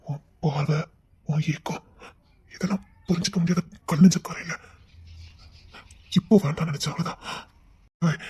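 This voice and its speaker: A man voicing a brooding young man in an audio love story, speaking in a husky half-whisper. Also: fairly high pitch, fairly even intonation, normal speed, long pauses, mellow. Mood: hurt.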